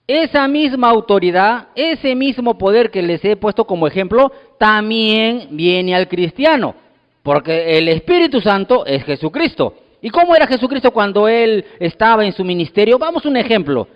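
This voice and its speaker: A man's voice: high voice, big pitch swings, normal speed. A man preaching a sermon, reading scripture aloud and speaking emphatically, with recurring refrains of praise between his points. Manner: reads scripture passages aloud. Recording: long reverberant hall.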